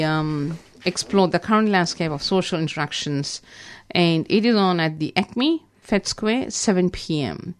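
A woman presenting live on AM community radio, reading announcements in a halting, stumbling way. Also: fairly low pitch. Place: radio studio.

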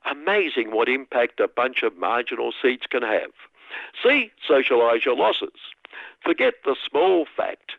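A man's voice: mid-range voice, no room sound. A man delivering scripted, sarcastic satirical commentary in mock outrage. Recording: dry, tinny radio line.

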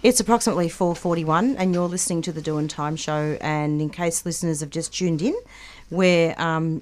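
A woman hosting a community radio talk show, announcing in a relaxed, chatty way with fillers. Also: lowish voice.

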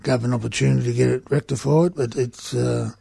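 Australian male, heavily gravelly and husky, blunt colloquial storyteller for casual radio chat, close dry sound. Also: medium pitch, steady tone, brisk, mellow, no echo. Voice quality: gravelly, rough. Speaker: union organiser reporting on site visits. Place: community radio studio.

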